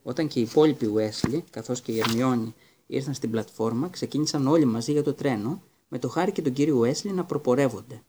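Mellow-voiced man reading an audiobook. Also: medium pitch, a little hiss or hum. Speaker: audiobook narrator. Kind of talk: audiobook narration.

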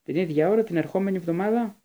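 A man's voice: high-pitched, voice pushed up, close to an everyday voice. A man voicing a kind but guarded adult male teacher of magic in an audiobook. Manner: gentle, then curt.

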